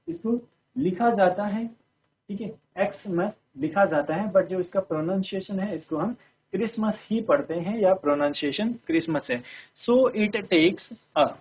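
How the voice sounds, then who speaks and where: A male English teacher, giving a classroom grammar lesson in a steady manner and often checking that everyone follows. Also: high-pitched. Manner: steady, repeats "ठीक है" to check understanding. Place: broadcast studio classroom. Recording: tinny phone-like audio.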